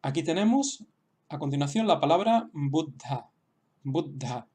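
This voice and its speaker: A man explaining a writing lesson slowly, with frequent fillers and restarts. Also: on the high side, animated, mellow, husky. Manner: hesitant, many restarts and fillers; slow, explanatory. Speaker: language teacher. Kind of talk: online lesson.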